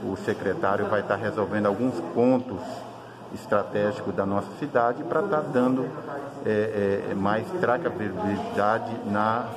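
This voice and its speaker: A man's voice: lowish voice, steady tone, unhurried, crowd noise. Hesitant middle-aged male councillor. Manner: hesitant, many fillers. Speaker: city councillor. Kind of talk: interview answers. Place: indoor office with flags. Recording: noisy room.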